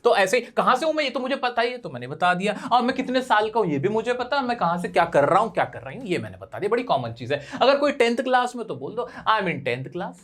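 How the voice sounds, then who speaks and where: A man's voice: high voice, very animated, fast talker, hardly any pauses, a bit bright. A man teaching English phrases in a chatty video lesson, asking and answering his own questions and joking with viewers he calls friends.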